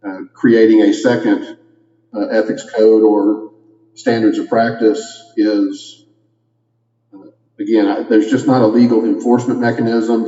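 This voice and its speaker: A man with a Kentucky accent, a board attorney, explaining carefully and deliberately, slightly muffled by a cough drop. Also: fairly low pitch, dark tone. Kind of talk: formal legal explanation. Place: meeting room. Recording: echoey hall, dull lo-fi sound.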